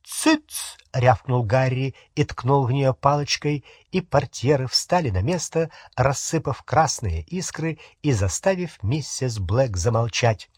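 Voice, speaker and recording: A man reading a novel aloud as an audiobook narrator, in steady scripted storytelling. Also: medium pitch, unhurried, hardly any pauses, no room sound.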